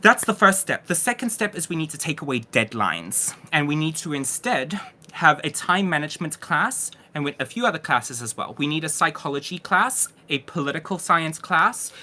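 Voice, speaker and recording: A man's voice: a little high, lively intonation, normal speed, pushed and bright. A man presenting his plan in a voice chat debate, confident and lecturing, sure of his own judgment. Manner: confident, lecturing, self-assured. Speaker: debate participant.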